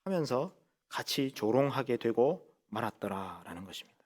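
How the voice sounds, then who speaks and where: A male pastor preaching a sermon with emphasis, asking the congregation rhetorical questions and slowing down to lean into key phrases. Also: medium pitch, lively intonation.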